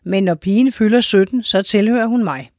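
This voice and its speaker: Storybook giant, huge and green, insistent and loud, read by a woman; dry sound. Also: medium pitch, no room sound, natural voice. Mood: demanding. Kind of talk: storybook reading.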